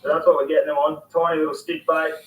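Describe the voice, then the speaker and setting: A man giving excitable, slangy fishing commentary outdoors by the water. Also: on the high side, quick pace. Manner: excitable, exclaiming loudly, slangy. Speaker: fishing vlogger. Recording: distant, echoey outdoor sound with noise.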